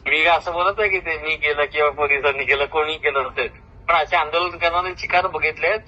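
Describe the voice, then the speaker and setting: A retired government officer, older and Marathi-accented from Maharashtra, talks a little fast in a slightly high, steady, pushed and bright voice. His lengthy, recorded phone conversation is heated and informal, full of boasting and confrontation.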